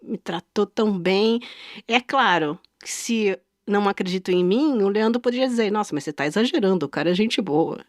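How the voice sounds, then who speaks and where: Animated Brazilian woman telling a story. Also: medium pitch, fairly quick, dry recording, clean studio sound. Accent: Brazilian Portuguese. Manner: animated, acts out quoted dialogue, laughs often. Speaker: podcast co-host. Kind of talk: casual storytelling chat.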